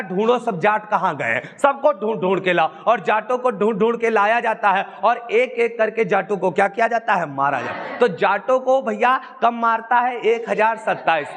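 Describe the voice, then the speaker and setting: A man's voice: sits high, gravelly, a bit bright, in a large hall. A male teacher telling history as a story, asking the class questions and answering them himself. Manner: storytelling with call-and-response questions.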